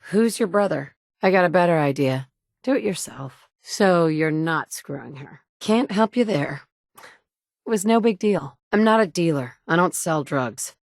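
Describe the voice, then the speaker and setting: Recorded in studio quality on a studio mic with no room sound, this actress in her thirties delivers video game lines as the player character. Her voice is lowish and a little mellow. She plays a blunt, sardonic mother given to clipped one-liners.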